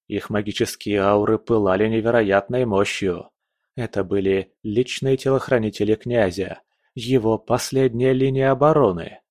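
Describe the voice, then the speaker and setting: A man reading a first-person fantasy audiobook, pushing up his pitch and volume for the shouted dialogue. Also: no echo, studio quality. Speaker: audiobook narrator.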